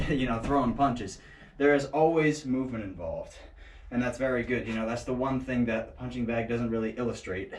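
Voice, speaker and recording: A man giving a casual martial arts lesson, joking and thinking aloud as he demonstrates, recorded on an action camera set some way off in an indoor training space. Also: mid-range voice. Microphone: action camera set at a distance. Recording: echoey room, distant camera mic, faint noise.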